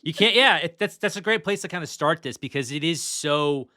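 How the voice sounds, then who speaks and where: A man hosting a relaxed movie podcast, with a bright, forward tone. He chats loosely and reads off trivia from his notes. He swears casually as he goes. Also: on the high side, fairly quick. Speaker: podcast host.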